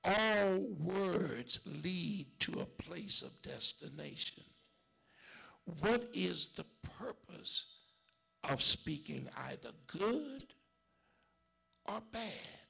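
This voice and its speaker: Husky and gravelly, his high voice carries a sermon shaped by church call-and-response and steady repetition. He climbs to shouting, then falls away into a whisper.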